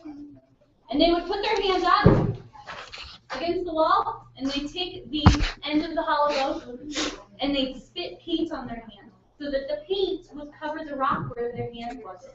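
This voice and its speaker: High-voiced woman teaching a classroom. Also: unhurried, fairly bright tone, echoey room, recorded from a distance. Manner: questioning, encouraging. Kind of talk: classroom lesson. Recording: dull, noisy classroom recording from afar.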